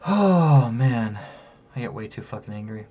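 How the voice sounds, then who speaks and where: A man's voice: medium pitch, normal speed, a little hiss or hum. A man vents at his camera from a room at home. He swears often and rambles. His voice sits mid-range, and the recording sounds dull and lo-fi. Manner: profane, rambling, heated. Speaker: vlogger. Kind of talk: casual rant to camera.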